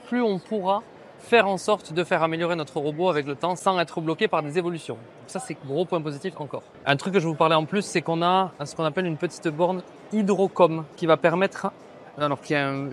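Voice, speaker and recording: Fast, eager French vlogger man. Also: fairly high pitch, a little hiss or hum. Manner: enthusiastic, slangy, talks straight to viewers. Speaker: vlogger reviewing pool robots. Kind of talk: casual vlog at a trade fair. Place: large indoor trade fair hall.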